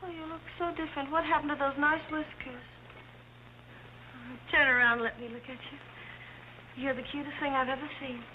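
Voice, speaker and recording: An actress playing a scatterbrained young socialite who gushes and rambles bossily in 1930s screwball comedy banter. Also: female voice, high-pitched, fairly even intonation, brisk, long pauses, lightly acted. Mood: gushing. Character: scatterbrained young socialite heiress, gushing and bossy. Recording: muffled, noisy old film soundtrack.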